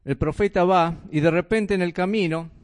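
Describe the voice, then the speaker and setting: Rioplatense preacher guy, kinda high voice, chatty sermon with lots of questions to the crowd. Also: normal speed. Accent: Rioplatense Spanish. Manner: conversational, asks rhetorical questions.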